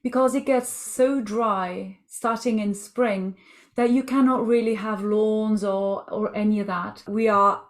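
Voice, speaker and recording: Woman from Switzerland, co-founder and presenter, lively and descriptive, call audio. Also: medium pitch, unhurried. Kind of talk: casual presentation on a video call.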